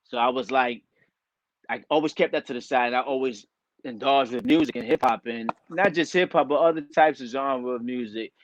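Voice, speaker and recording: A man's voice: medium pitch, moderate pace, dull audio, noisy background. A man from Liberia, a rapper, talking in a laid-back, conversational way as an interview guest. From Liberia, West Africa. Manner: laid-back, conversational, says "you know what I mean" a lot. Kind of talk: casual interview talk.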